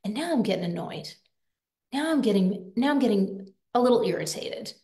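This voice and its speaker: A woman's voice: medium pitch, animated, moderate pace, mellow. Earnest woman coaching in a roomy space. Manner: earnest, empathetic, conversational, rhetorical questions. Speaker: parenting coach. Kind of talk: live-streamed coaching talk. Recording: roomy echo.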